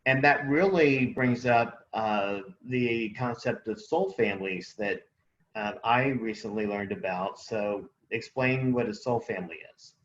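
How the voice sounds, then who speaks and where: A man's voice: mid-range voice, measured pace, reverberant, lo-fi sound. A man co-hosting a casual spiritual conversation, rambling and searching for words with many fillers. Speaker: podcast co-host.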